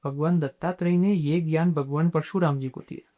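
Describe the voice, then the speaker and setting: A man, a guest on a podcast, explaining spiritual practice in a measured way and dropping English terms into his talk. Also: fairly high pitch, fairly even intonation, mellow.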